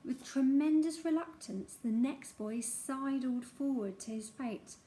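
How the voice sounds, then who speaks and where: Woman narrator, high voice, expressive storytelling, memoir read aloud. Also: a little slow. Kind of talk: reading a childhood memoir aloud.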